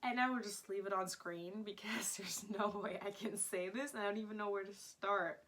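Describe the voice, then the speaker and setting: A woman's voice: medium pitch, moderate pace, a bit bright. A young American woman from Florida chatting casually to camera as a vlogger, giggling often and filling her talk with "like". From Florida, United States. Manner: giggly, laughs often, chatty with many "like" fillers. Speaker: language vlogger.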